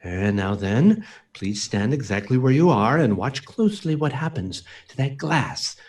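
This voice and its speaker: Acting as a principled, earnest scientist-inventor in a vintage radio drama, this man explains with pride, his delivery formal, emphatic and theatrical. His medium-pitched voice is a little mellow and a little slow, swinging widely in pitch.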